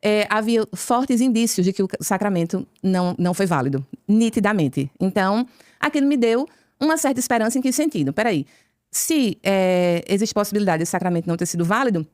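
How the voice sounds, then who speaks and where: Fast-talking Brazilian woman telling her story. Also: mid-range voice, dry recording, studio quality. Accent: Brazilian Portuguese. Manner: lively storyteller who acts out dialogue. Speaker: podcast guest. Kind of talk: conversion testimony told as a story.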